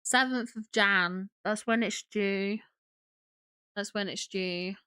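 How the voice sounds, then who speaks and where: A woman's voice: medium pitch, slow, pushed and bright, smooth. A young woman hosting a casual livestream, sniffly from a cold, gushing and chatty as she greets viewers. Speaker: livestream host.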